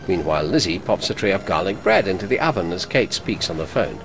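A man narrating an audio description in a measured, neutral manner. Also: low-pitched, big pitch swings, vocal fry, background noise. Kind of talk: scripted narration.

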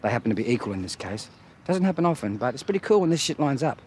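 A man acts as a talking dog in a TV comedy, crude, sarcastic and needy. His delivery is blunt and teasing, with lively swings in pitch at a middle register. Some noise sits behind the voice. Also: rapid-fire, close to an everyday voice. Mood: needling. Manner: blunt, deadpan needling.

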